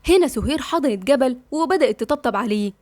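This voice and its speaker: A woman's voice: sits high, animated, quick pace, a little mellow, no echo. A woman with an Egyptian accent hosting a channel and reading a novel aloud with affectionate, chatty asides. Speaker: audiobook narrator and channel host.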